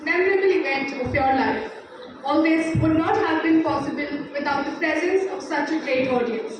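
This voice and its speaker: A woman's voice: high voice, moderate pace, a crowd in the background. A woman hosting a school event in a rehearsed, formal manner. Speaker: event anchor. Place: school assembly hall. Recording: echoey hall, distant mic, noisy.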